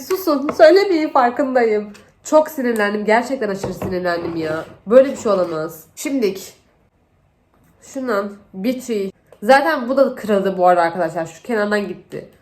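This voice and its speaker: A young woman with the flu, telling a story in a casual makeup vlog, exasperated and acting out the dialogue. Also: on the high side. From Turkey. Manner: animated, exasperated retelling with acted-out dialogue. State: has the flu. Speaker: beauty vlogger.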